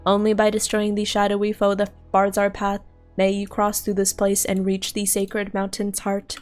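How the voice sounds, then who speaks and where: A woman's voice: medium pitch, completely flat delivery, moderate pace, close to an everyday voice. A woman voicing a solemn, archaic mystical guide in a game, speaking grandly and formally. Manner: grand, formal, old-fashioned phrasing. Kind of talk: reading game dialogue aloud in character. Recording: faint game music behind voice.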